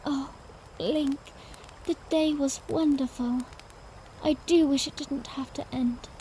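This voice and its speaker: Young princess played by a woman, high and mellow, earnest and gently playful, storybook audiodrama telling over faint ambience. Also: steady tone, slow pace, a little hiss or hum, poor audio. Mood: gently excited. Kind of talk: first-person audiodrama narration with character dialogue.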